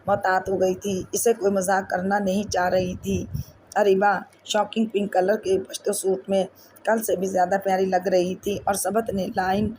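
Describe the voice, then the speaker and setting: A woman narrating a romance novel in an audiobook reading. Her voice stays flat and even in pitch, with faint background noise behind.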